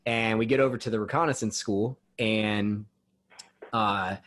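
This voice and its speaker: A man hosting a casual podcast interview, talking in an easygoing, conversational way with halting fillers. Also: on the low side, steady tone, fairly bright tone. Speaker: podcast host.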